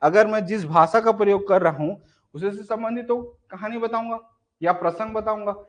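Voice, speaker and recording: A man's voice: high-pitched, normal speed. A young adult man teaching an online exam-prep class. He keeps asking rhetorical questions to check understanding and acts out example phrases.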